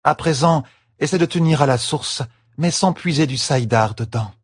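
An imperious young noblewoman who speaks in clipped, haughty commands, as a male audiobook reader puts her on. Her voice sits well above his own, husky at the edges. The dry, close sound keeps every order crisp and cold. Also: fairly high pitch, moderate pace, no room sound, voice pushed up. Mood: instructing. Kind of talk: audiobook character voice.

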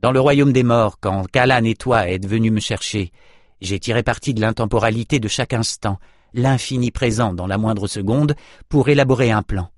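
A man reading an audiobook, voicing a calm, self-assured male hero who explains things in a matter-of-fact, wry way. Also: fairly low pitch, moderate pace, no echo, studio quality, natural voice.

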